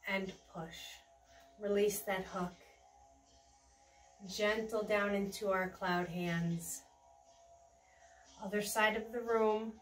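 A middle-aged woman guides tai chi movements in a serene, encouraging way. She speaks very slowly, cue by cue. She is heard from a little distance in a room, with soft music faintly behind her. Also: mid-range voice, steady tone. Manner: serene, encouraging, unhurried cueing. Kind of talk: guided movement lesson with calm step-by-step cues. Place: small carpeted room indoors.

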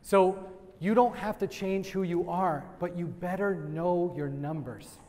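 A man giving a lively sales training talk to a live audience, quizzing the crowd and laughing often. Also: high-pitched, unhurried. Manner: energetic, asks the crowd questions and laughs. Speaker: real estate sales trainer. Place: event room with audience. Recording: long hall reverb.

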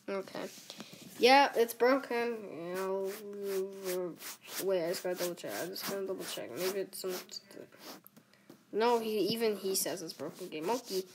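A woman giving rambling, goofy commentary while playing a video game, with sudden squeaky outbursts. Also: slight background noise. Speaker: gamer. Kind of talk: casual gameplay commentary.

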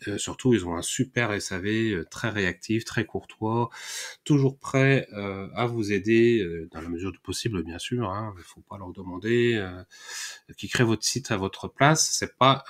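A man hosting a casual software tutorial, talking through his screen with frequent hesitations and fillers. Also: on the low side. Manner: hesitant, many "euh" fillers and restarts. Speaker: WordPress tutorial host.

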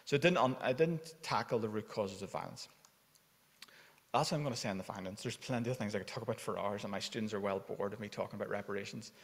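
A man's voice: fairly low pitch, fast. A man giving an informal conference welcome at a lectern, with many fillers. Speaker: conference organiser and academic. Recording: long hall reverb.

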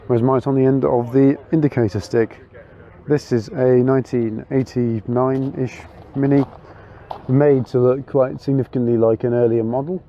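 A man's voice: medium pitch, lo-fi sound. A man giving casual, enthusiastic walkaround commentary at an outdoor car meet, thinking aloud with small fillers as he goes. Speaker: car vlogger.

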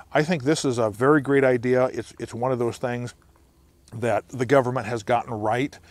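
Out in the woods with a lapel mic, an American man in his sixties speaks to camera as host of a casual outdoor preparedness explainer. He has a mid-range, slightly mellow voice.

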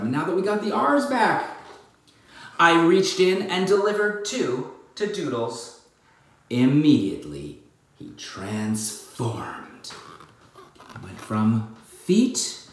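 A man, a children's book author, reading his picture book aloud in a playful, animated way with jokey asides. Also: on the high side, slow. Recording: very echoey room.

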